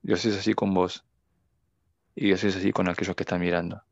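Young Argentine man, deep flat gravelly voice, earnest testimony, dull lo-fi audio. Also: brisk. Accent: Argentine Spanish. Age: young adult. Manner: earnest, emotional, reflective. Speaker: guest. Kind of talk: heartfelt faith testimony.

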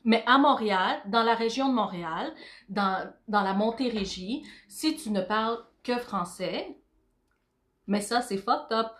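A woman's voice: a little high, measured pace, a bit bright. A woman with a Québécois French accent speaking frankly in casual chat, mixing in English slang. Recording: roomy echo.

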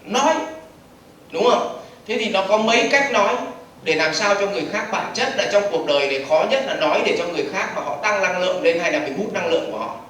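A man's voice: sits high, expressive, a bit bright, far from the mic, a little hiss or hum. Echoey lecturing man. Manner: asks the audience questions and answers them himself, acts out quick examples. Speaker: business trainer. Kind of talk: lively seminar lecture to a live audience. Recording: echoey hall recorded from afar.

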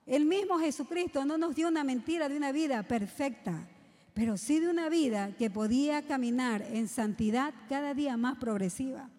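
High-voiced woman preaching. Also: moderate pace, warm tone. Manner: rhetorical questions to the congregation. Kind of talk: sermon to young people. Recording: long hall reverb.

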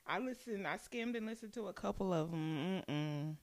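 A woman's voice: mid-range voice, animated, moderate pace, a little mellow, no echo. A woman co-hosting a casual chat podcast, curt and dry, with profane asides. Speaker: podcast co-host.

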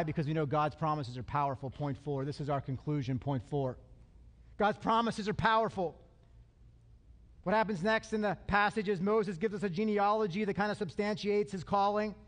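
Man, sermon, emphatic repetition, high voice, reverberant church sanctuary. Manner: emphatic, repeats phrases for effect. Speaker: pastor. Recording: long hall reverb.

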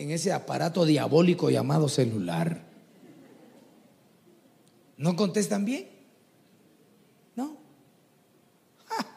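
Animated preacher in echoing hall. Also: male voice, on the high side, gravelly. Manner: animated, folksy, mimics people he talks about. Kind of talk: sermon.

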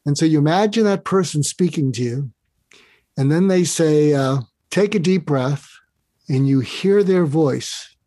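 A man's voice: a little high, a little slow, dark tone, no room sound. A man speaking as a podcast guest, earnestly guiding the listener through an exercise and often repeating words as he restarts his phrases. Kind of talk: casual interview talk.

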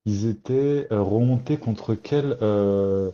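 Low, dark-voiced man, hesitant. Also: slow. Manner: hesitant, restarts often, thinks aloud. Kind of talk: casual discussion. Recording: dull lo-fi recording.

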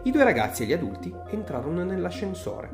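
Expressive storybook narrator with faint music. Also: mid-range voice, fast. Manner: expressive, lively reading. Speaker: audiobook narrator. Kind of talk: storybook read-aloud narration.

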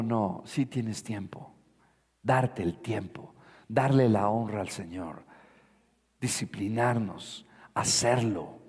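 A man's voice: fairly high pitch, a little mellow, long reverb tail. A male pastor preaching a sermon. He mixes Bible reading with emphatic asides and questions to his congregation.

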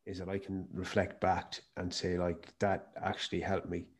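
In a conversational podcast interview, a health and performance speaker from the west of Ireland tells his stories emphatically. His County Mayo accent comes through a deep, monotone voice at normal speed, with a breathy edge.

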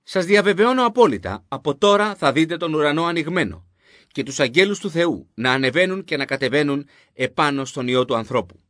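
A man reading the lines of Jesus, a calm and authoritative male teacher, in a measured, solemn scripted Bible reading. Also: fairly high pitch, no room sound, clean studio sound.

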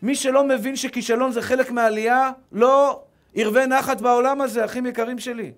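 A man's voice: extremely high pitch, steady tone, fairly bright tone. A middle-aged man, a rabbi, preaching a religious lesson with emphatic repetition. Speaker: rabbi giving a Torah lesson. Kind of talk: religious sermon.

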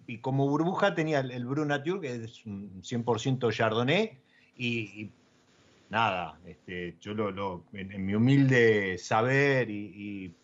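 A man with an Argentine accent hosting a casual chat about wine, with many fillers and restarts. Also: mid-range voice. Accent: Argentine Spanish. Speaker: wine show host. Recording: dull lo-fi audio.

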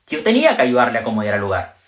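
A man's voice: medium pitch, wildly swooping pitch, very fast, fairly bright tone. Male livestreamer, mid-range voice, emotional storytelling, echoey room. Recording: roomy echo.

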